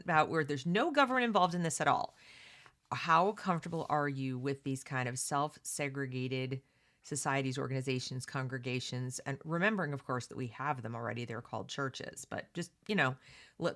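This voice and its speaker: A woman hosts a read-along, switching between reading aloud and casual, opinionated commentary, speaking emphatically and conversationally straight to her listeners. Her voice rumbles low, a little fast and a bit bright.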